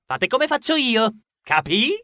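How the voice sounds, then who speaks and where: A man's voice: very high voice, very animated, slow pace, bright, forceful tone, dry recording, studio quality, pitched above the performer's own voice, heavily acted. A man voicing a brash young male mouse who coaches skateboarding, talking in bossy, clipped slang. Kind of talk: audiobook character voice.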